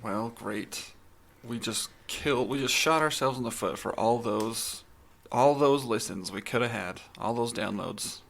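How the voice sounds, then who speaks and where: A man's voice: mid-range voice, unhurried, gravelly, fairly bright tone. A man co-hosting a podcast in casual chat, with a wry, bantering manner. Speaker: podcast co-host.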